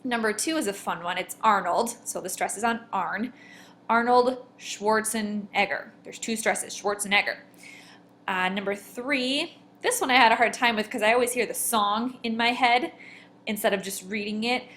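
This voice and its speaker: A woman's voice: fairly high pitch, moderate pace, a bit bright, a little hiss or hum. A woman teacher talking her class through a homework worksheet over a screen recording, explaining each answer and reading examples aloud with exaggerated stress.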